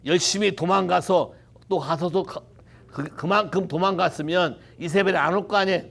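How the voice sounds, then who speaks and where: High gravelly male preacher. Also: normal speed. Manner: animated, rhetorical questions, mixes in English phrases. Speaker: pastor. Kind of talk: sermon. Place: church.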